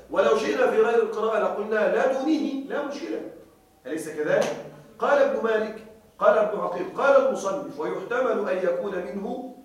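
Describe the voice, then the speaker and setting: High-voiced male teacher in an echoey room. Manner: poses questions to the class and answers them himself; keeps checking that students follow. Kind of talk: classroom lecture with student replies. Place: classroom with students. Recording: very echoey room, voice heard from a distance.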